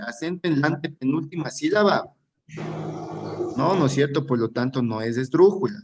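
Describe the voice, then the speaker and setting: An Ecuadorian man teaching an exam-prep class at an ordinary pitch for a man. He explains step by step and often stops to ask his students rhetorical check questions. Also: poor audio. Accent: Ecuadorian Spanish.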